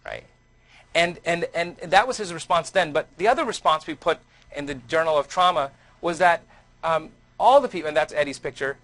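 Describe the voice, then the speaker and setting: A middle-aged man lectures on surgical research, his voice sitting a little higher than most men's. He talks loosely and conversationally, weaving personal anecdotes in and often restarting his sentences. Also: normal speed, a bit bright. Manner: conversational, storytelling, frequent restarts. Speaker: surgeon and lecturer.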